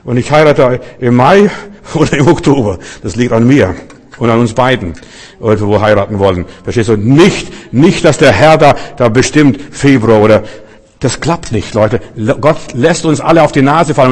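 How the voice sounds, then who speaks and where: A male pastor preaching a sermon and leading a closing prayer, emphatic and repetitive, speaking straight to his listeners. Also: medium pitch. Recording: long hall reverb.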